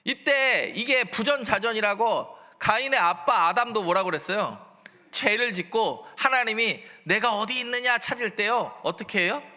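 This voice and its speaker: A man's voice: high voice, animated, normal speed, pushed and bright. A male pastor in his forties preaching a sermon in a church and asking the congregation questions. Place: church sanctuary. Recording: church hall reverb.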